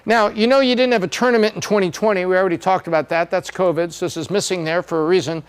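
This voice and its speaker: A man's voice: high-pitched, steady tone, fast talker, clear, resonant tone. A middle-aged man hosting a podcast, walking through charts in a chatty, joking way. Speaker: podcast host.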